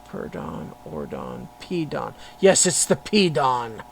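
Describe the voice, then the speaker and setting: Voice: medium pitch, huge pitch swings, slow pace, gravelly. A podcaster thinking aloud while editing a story, muttering and correcting words as they go. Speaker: podcaster and writer. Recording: noisy room with constant hum.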